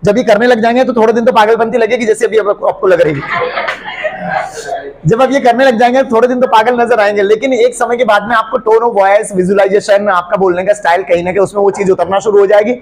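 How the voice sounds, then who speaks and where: Quick, high-voiced man teaching. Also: noisy background. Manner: lively, urges the class on. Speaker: English teacher. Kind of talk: classroom lesson.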